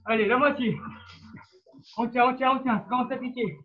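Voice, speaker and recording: A man's voice: very high-pitched, steady tone, a little fast. A man coaching a live workout class like a barking gym coach, urging people on with short commands and countdowns. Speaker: fitness coach leading a live cardio workout. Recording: dull lo-fi live stream sound.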